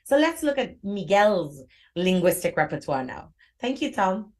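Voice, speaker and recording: A woman's voice: medium pitch, big pitch swings, measured pace, darkish tone. A woman moderating a conference panel, asking follow-up questions and handing the floor to speakers. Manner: inviting, asks follow-up questions.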